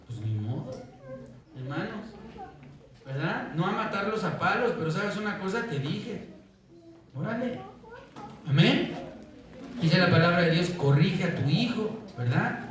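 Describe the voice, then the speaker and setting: A male pastor preaching in a fairly high voice. He tells stories with animation, acts out the voices in them and keeps checking in with his congregation. He is heard from some distance in a strongly echoing church. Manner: animated storytelling, acts out quoted voices, asks "¿verdad?" often. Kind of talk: sermon. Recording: echoey church, voice from off-mic.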